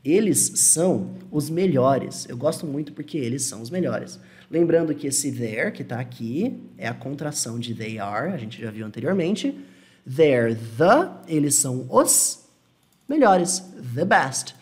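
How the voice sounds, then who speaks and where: A man with a Brazilian Portuguese accent teaching an English lesson, explaining patiently and slowing down to model English phrases. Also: medium pitch, big pitch swings, a little mellow. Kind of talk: online language lesson.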